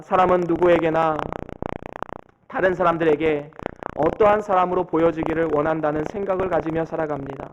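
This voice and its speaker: Earnest high-voiced Korean pastor preaching. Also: male voice. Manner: earnest storytelling preacher, acts out quotes. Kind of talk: sermon. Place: church sanctuary. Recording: dull lo-fi sound with noticeable background noise.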